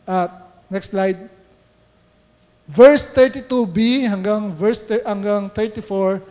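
A man's voice: high voice, fairly even intonation, slow pace, darkish tone, big-room sound. A male pastor with a Filipino accent preaching a sermon, switching between Tagalog and English and asking the congregation questions. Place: church sanctuary.

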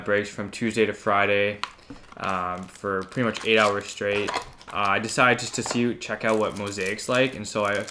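A man's voice: fairly low pitch, background noise. A young man with a Canadian accent, chatting casually as he opens trading cards and gives short verdicts on each one. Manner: laid-back, reads out names with short verdicts. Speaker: co-host of a card-opening channel. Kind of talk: casual chat while opening trading cards.

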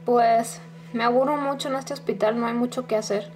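A woman's voice: fairly high pitch, steady tone, normal speed, darkish tone, natural voice. A teasing young male medical student on a hospital night shift, read by a woman. He jokes easily and stays unbothered, speaking. Faint music plays under the storytelling. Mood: joking.

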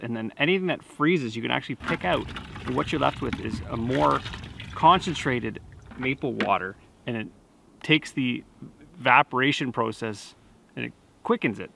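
Gravelly-voiced man vlogging outdoors. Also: medium pitch, normal speed, background noise. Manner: relaxed, chatty, many fillers and restarts. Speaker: homesteading vlogger. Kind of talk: casual vlog narration. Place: outdoors in a snowy forest. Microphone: handheld camera held at arm's length.

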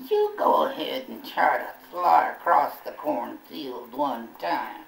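A man's voice: a little high, slow pace, gravelly, a bit bright, slight background noise, pitched below the performer's own voice, exaggerated voice. A ventriloquist man voicing a bumbling, folksy old male bird puppet who rambles in country talk. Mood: rambling. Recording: roomy echo, from far off.

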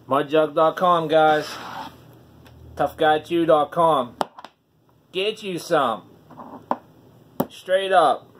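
A man's voice: on the high side, very slow, pauses often, a bit bright. A middle-aged man chatting casually to camera as a product reviewer, talking with a lip full of chewing tobacco. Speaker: online dip reviewer. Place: small wood-paneled room indoors. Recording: noisy room recording.

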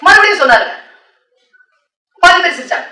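A woman giving a motivational speech, telling stories, often laughing and slowing down for solemn lines. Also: very high-pitched, lively intonation, sharp tone, far from the mic. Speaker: motivational speaker. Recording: echoey hall, voice from off the mic.

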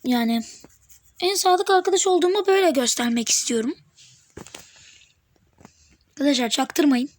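Excitable high-voiced woman gaming. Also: normal speed, long pauses. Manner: excitable, teasing, talks to the game. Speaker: gaming channel host. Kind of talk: live gameplay commentary.

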